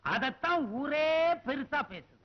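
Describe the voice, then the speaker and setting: A sly village gossip. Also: male voice, extremely high pitch, very animated, measured pace, dull audio, a little hiss or hum, heavily acted.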